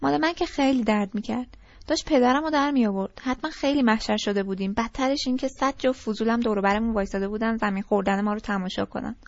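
A woman's voice: on the high side, no echo. A woman reading a novel aloud in first person with a conversational storytelling manner. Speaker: audiobook reader. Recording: dull lo-fi recording.

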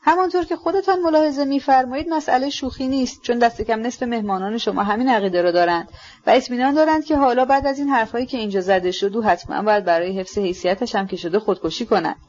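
A woman's voice: medium pitch, lively intonation, highs cut off, lightly acted. A woman reading aloud, voicing a fussy, agitated middle-aged male landlord who insists obsequiously. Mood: insistent.

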